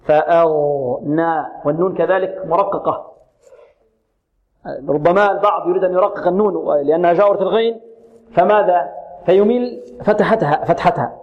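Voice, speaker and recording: Man teaching Quran recitation, slow drills. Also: high voice, muffled recording. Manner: explains rules, then drills words slowly and repeatedly. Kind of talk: tajweed lesson with slow demonstrations.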